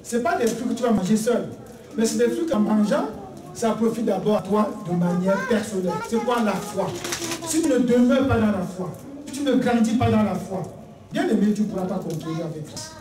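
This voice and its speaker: A preacher giving a sermon, addressing listeners as beloved and laying out points one by one, often dropping soft and quiet on key words. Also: mid-range voice, animated, fairly quick, crowd noise. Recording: echoey room, voice heard from a distance.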